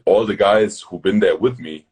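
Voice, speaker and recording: A young man from Germany, a basketball player, telling stories fast in loose, broken English as an interview guest. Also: on the low side, darkish tone, slightly rough. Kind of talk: casual interview storytelling.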